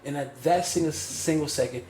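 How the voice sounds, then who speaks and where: A man telling a personal story on a casual podcast, animated and repeating phrases like "you feel me". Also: a little high, fairly quick, roomy sound, slight background noise. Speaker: podcast host.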